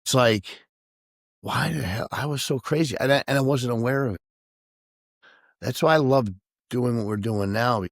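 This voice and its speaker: A man co-hosting a podcast, talking candidly and emotionally about his own past behavior, halting and self-reflective. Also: medium pitch, no room sound, studio quality. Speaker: podcast co-host. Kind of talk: candid personal conversation.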